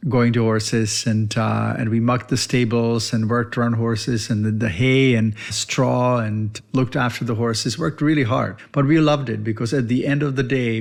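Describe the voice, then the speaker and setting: Gravelly man telling his story. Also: mid-range voice. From Czech Republic. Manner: earnest and reflective, with some non-native phrasing. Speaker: veterinarian and podcast host. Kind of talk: personal storytelling monologue.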